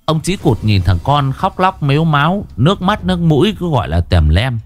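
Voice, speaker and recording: A man's voice: a little high, sing-song, moderate pace. A man narrating a story in a vivid, dramatic way.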